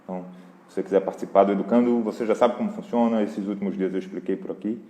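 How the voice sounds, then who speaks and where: A man with a Brazilian accent, hosting a live parenting Q&A in a relaxed, conversational way and talking straight to his viewers. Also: on the low side, racing. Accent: Brazilian Portuguese. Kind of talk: casual live Q&A talk. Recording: roomy hall echo.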